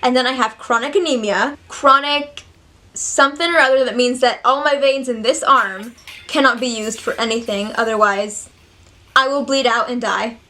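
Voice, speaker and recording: A woman's voice: on the high side, fairly bright tone. A young woman answering viewer questions in a casual vlog, candid, chatty and earnest. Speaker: vlogger.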